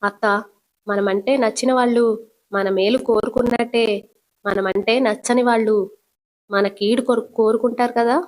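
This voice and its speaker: A woman voicing a calm young man who soothes and coaxes his worried aunt. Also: fairly high pitch, normal speed, long pauses, lightly acted. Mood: reassuring. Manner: soothing, coaxing. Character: calm reassuring young man, caring nephew.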